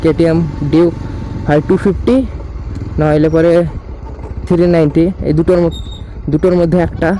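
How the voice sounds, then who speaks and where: A man's voice: fairly high pitch, level tone, moderate pace, pauses often. A young man with a West Bengal accent chats casually to vlog viewers from inside a helmet. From West Bengal, India. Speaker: motovlogger, host. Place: outdoors on a motorbike, inside a helmet. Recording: noisy outdoor road and vehicle sound.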